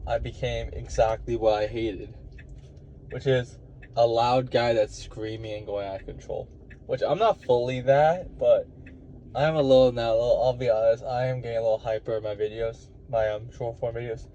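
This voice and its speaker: A man's voice: mid-range voice, fairly even intonation, normal speed. A tired young man, a college wrestler, rambling casually to the camera with lots of fillers and restarts. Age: young adult. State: tired from little sleep. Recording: dull lo-fi audio with loud outdoor noise.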